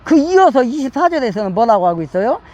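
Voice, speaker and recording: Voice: medium pitch, big pitch swings, quick pace, a little mellow, dry recording, lo-fi sound. A Korean Bible study teacher lecturing emphatically, repeating phrases and asking the listeners many rhetorical questions.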